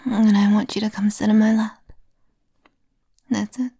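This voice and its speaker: A woman speaking in a soft, breathy whisper close to the microphone, in a slow, intimate roleplay. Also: mid-range voice, level tone, no room sound.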